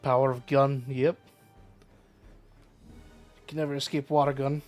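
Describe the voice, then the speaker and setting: A man's voice: mid-range voice, little pitch movement, a little slow, a little mellow. A man playing a video game, giving casual commentary and reading out on-screen text as he goes. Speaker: gamer, let's player. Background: game music.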